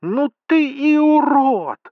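A furious wife shrieks down the phone in a piercing high voice, put on by a male reader. Her pitch leaps all over the place. The voice sounds dry and a little dull. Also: expressive, slow, no room sound, heavily acted. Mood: furious shrieking. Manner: shrill, screaming.

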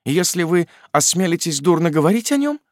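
A man voicing a frail, timid young widowed mother in an audiobook, speaking softly, hesitantly and with a tremble. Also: a little high, sing-song, a little fast, no echo, clean studio sound, pitched above the performer's own voice. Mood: trembling.

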